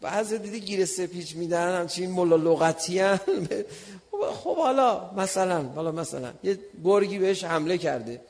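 High-voiced man preaching in a reverberant hall. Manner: lively storytelling, acts out shouted arguments. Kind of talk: sermon with personal anecdote.

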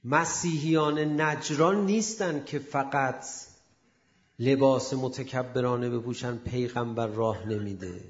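A man preaching a storytelling sermon, acting out the people in it and swinging from hushed asides to loud emphasis. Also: medium pitch. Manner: animated, acts out quoted speakers. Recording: echoey dull lo-fi room sound.

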